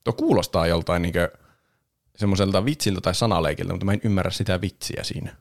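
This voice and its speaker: A man with a low voice and a gravelly edge talks through a film in a relaxed podcast chat. He laughs easily and sometimes slips into quick imitations of characters. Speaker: podcast host. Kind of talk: casual chat reviewing a film.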